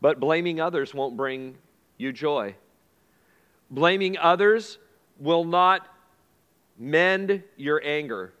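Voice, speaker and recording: A man's voice: a little high, slow pace, pauses often, a bit bright, clear, resonant tone, dull audio. A man preaching a sermon in a conversational way, repeating key phrases and asking the congregation questions. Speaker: pastor. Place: church sanctuary. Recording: long hall reverb.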